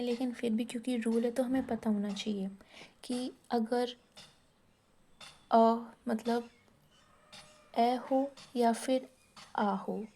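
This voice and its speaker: A woman's voice: a little high, mellow. A woman teaching shorthand in a casual step-by-step lesson, asking and answering her own questions as she writes.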